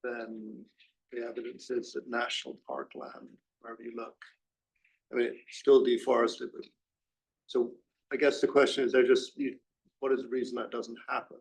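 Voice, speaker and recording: A man with a heavily gravelly, creaky voice thinks aloud on an academic panel. He raises questions tentatively, and his pitch sits in a middle range. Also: normal speed, rough recording. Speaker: panel discussant.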